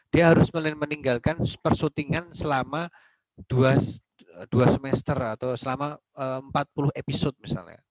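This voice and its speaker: A man of ordinary pitch teaching a law class, chatty and animated as he poses questions to the students and answers them himself. He slips into short acted-out exchanges to make his points. The sound is dry and close, with no room echo. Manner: conversational, asks and answers own questions, acts out dialogue. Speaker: law lecturer. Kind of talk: university lecture.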